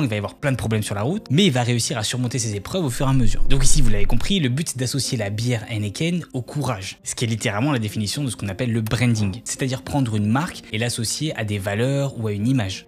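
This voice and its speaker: A young man presenting a documentary segment, explaining in a conversational, chatty way with asides. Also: medium pitch. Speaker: co-host presenter.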